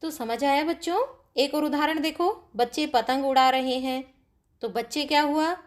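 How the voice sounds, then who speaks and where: Woman teacher w/ a high voice going over grammar, asks the kids questions as she goes. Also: normal speed. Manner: explains step by step with questions to pupils. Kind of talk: classroom grammar lesson.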